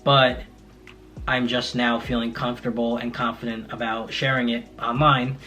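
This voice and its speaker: A man's voice: medium pitch, flat delivery, normal speed, sharp tone. A man in his late twenties, talking to camera in a casual vlog, candid and reflective with frequent fillers. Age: 20s. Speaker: content creator.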